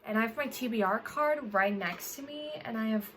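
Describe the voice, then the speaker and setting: A woman's voice: a little high, a little fast, fairly bright tone, slight background noise, low-quality recording. A young woman chatting casually to camera as a book vlogger, rambling and correcting herself often. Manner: rambling, with frequent self-corrections and fillers.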